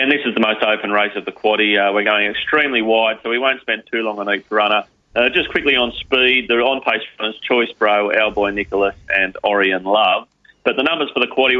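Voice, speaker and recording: A man giving horse racing tips on a podcast, in punchy phrases full of numbers and names. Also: on the low side. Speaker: racing tipster. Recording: slightly muffled, lo-fi audio.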